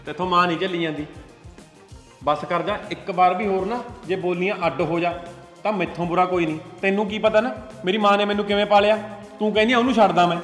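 Casting: man as a fast-talking, angry young husband, high voice, echoey hall and music. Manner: angry, shouting tirades. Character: hot-tempered young village husband, devoted to his mother.

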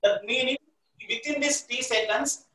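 A man's voice: very high voice, normal speed, pushed and bright. A man with an Indian accent teaching a live online class, repeating himself and prompting listeners to finish his sentences. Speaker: chemistry teacher. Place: classroom at a blackboard. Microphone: distant camera microphone. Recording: echoey, distant room microphone.

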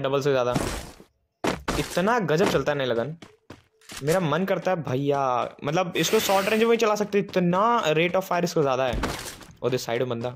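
Excitable male streamer, fairly high voice, gunfire audible behind. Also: background noise. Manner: excitable, teasing enemies, rambling chatter. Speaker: gaming streamer. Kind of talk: live gameplay commentary. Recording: game gunfire sounds behind voice.

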